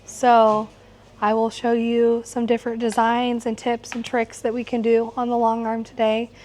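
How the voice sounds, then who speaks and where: A middle-aged woman with a slightly hoarse voice, teaching an informal hands-on quilting class. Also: on the high side, completely flat delivery, moderate pace, a little mellow. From United States, located in Missouri. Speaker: quilting instructor. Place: shop workroom with warehouse shelving, small seated class. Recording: clear background noise in shop room.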